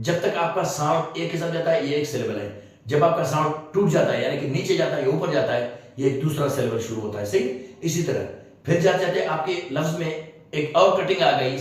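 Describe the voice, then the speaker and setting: A man giving an English grammar lesson, who explains step by step and keeps checking with a quick "right?". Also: medium pitch, darkish tone. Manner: explains slowly, repeating points and checking with 'right?'. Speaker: English teacher. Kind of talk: video lesson. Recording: echoey room, distant mic.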